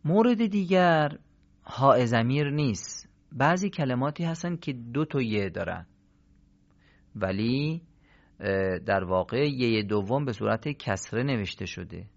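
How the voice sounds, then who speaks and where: Male recitation teacher, patient and explanatory, mid pitch, dull radio-lesson audio. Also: animated, vocal fry. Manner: patient, explanatory, draws out example words slowly.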